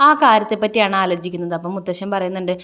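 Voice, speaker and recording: A woman's voice: lowish voice, steady tone, fairly bright tone. A woman narrating a casual recap of a TV serial episode, retelling what the characters say to each other. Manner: rapid storytelling that quotes characters' lines.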